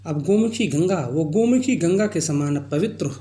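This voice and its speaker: A male teacher goes through a poem line by line, reciting each verse and then paraphrasing it plainly. His voice is mellow and sits a little high. The room around him echoes. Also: expressive, normal speed. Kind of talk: explaining a Hindi poem line by line.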